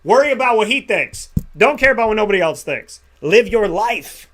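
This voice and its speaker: A man's voice: sits high, expressive, normal speed, a bit bright, slight background noise. A man in his thirties hosting a talk show, giving an emphatic pep talk with repeated phrases. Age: 30s. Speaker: radio show host. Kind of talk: motivational monologue.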